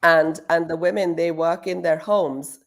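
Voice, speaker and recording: A woman's voice: lowish voice, fairly even intonation, measured pace. A middle-aged woman from Pakistan, answering interview questions at home in a thoughtful, casual way with fillers and restarts. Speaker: guest, shoe brand founder.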